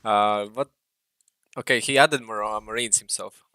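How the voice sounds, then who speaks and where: A man's voice: lowish voice, fairly even intonation, unhurried, sharp tone, dry recording. A man casting a live esports match, working through the strategy aloud with frequent uhs. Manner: analytical, thinks aloud with many uhs. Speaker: esports caster. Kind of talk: live game commentary.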